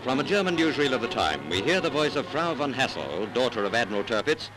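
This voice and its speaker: A man's voice: mid-range voice, very animated, fast, music in the background, rough recording. Man narrating an old newsreel. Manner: formal, announcer-like delivery. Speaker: documentary narrator.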